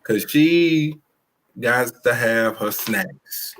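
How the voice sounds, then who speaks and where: A man with an East Texas country twang talks loud and lively in a casual live interview. He is a basketball coach who tells his stories with plenty of energy. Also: medium pitch, extremely slow, slight background noise.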